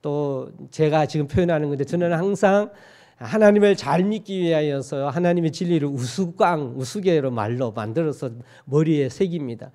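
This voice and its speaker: A pastor from Korea's Gyeongsang region preaches a sermon in a church sanctuary, his fairly high voice warm and moderately paced. His style is folksy and joking, and he frequently asks the congregation questions.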